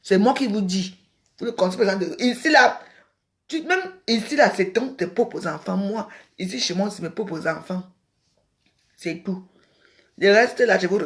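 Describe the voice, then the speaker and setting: A woman from Cameroon ranting on a livestream, scolding and mocking her rivals, often repeating herself. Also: mid-range voice. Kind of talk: heated livestream rant.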